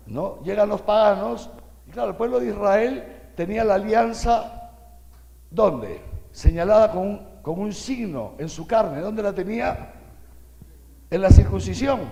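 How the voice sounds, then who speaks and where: An older man from Peru, a bishop, giving an animated, folksy sermon full of rhetorical asides to his listeners. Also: high voice, gravelly, long reverb tail.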